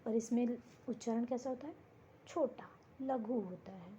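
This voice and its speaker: A woman's voice: a little high, unhurried, warm tone, muffled recording, slight background noise. A woman teaching a grammar lesson for exam prep, explaining step by step and answering her own questions. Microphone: board lesson video, writing while talking.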